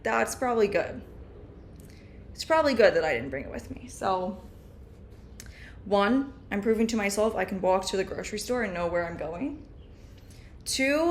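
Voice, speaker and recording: Recorded at home on a laptop's built-in mic, a young woman vlogger chats casually in a video journal, rambling and self-aware. Her pitch is fairly high, and there is a little hiss or hum in the audio.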